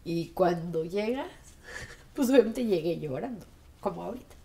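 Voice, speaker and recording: A woman's voice: fairly low pitch, moderate pace, a little hiss or hum. A woman in her thirties with a Mexican accent, telling her story in a documentary interview and acting out the voices she quotes. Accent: Mexican Spanish. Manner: animated, acts out quoted voices.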